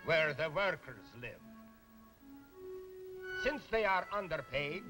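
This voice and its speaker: A man's voice: fairly high pitch, big pitch swings, takes it slowly. A man narrating an old propaganda film in a fake Russian accent, solemn and declaiming. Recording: old film clip over music.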